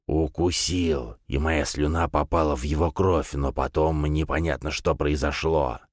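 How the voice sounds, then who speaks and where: A man's voice: a bass voice, fairly even intonation, no echo, studio quality. A man doing a hissing, hot-tempered lizard count. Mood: angry. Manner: slow, hissing, angry.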